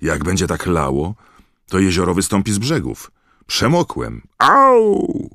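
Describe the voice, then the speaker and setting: A man voicing a drenched teenage schoolboy who complains loudly. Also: deep voice, huge pitch swings, unhurried, no room sound, clean studio sound, pitched above the performer's own voice, exaggerated voice. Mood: exasperated. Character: soaked grumbling teenage schoolboy.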